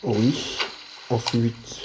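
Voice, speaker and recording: A man's voice: medium pitch, steady tone, extremely slow, noisy background. A man thinking aloud while he plays a video game, talking playfully to his viewers. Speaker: gaming video creator. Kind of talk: let's play commentary.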